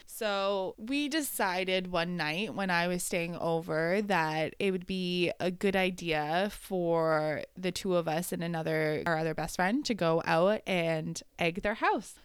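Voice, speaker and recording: A woman's voice: on the low side, clear, resonant tone, dry recording, studio quality. A young woman co-hosting a podcast, telling a story in casual chat, laughing often and leaning on "like". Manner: giggly, many "like" fillers. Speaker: podcast co-host.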